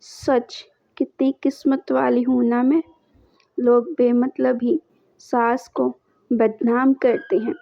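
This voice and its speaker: A woman's voice: a little high, level tone, slow, creaky, warm tone, dry recording. A woman voicing a young newlywed who confides to her mother in a pleading, tearful way. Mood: cheerful. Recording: dull lo-fi recording.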